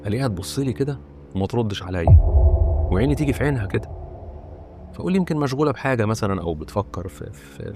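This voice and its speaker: Rapid-talking Egyptian man telling a story. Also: medium pitch, a little mellow. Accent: Egyptian Arabic. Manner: rapid, conversational retelling. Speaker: horror channel host. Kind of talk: first-person storytelling.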